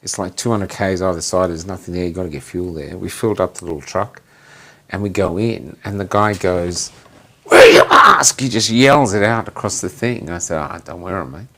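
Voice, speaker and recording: A man, a guest on a chat stream, telling road anecdotes in a lively casual way and laughing often. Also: deep voice, fairly quick. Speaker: guest, traveling activist.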